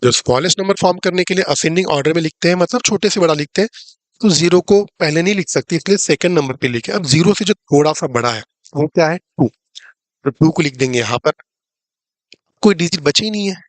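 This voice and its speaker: A man's voice: on the high side, a little fast, no room sound. Man teaching maths, repeats every step. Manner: explains step by step and repeats key points; chatty, jokes with students about the live class. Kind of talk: live online class teaching.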